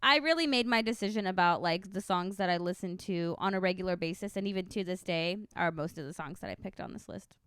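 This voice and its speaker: A woman in her twenties co-hosting a podcast, chatty and teasing, often trailing off softly. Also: lowish voice, quick pace, hardly any pauses, smooth, no room sound. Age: 20s. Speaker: podcast co-host. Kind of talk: casual chat.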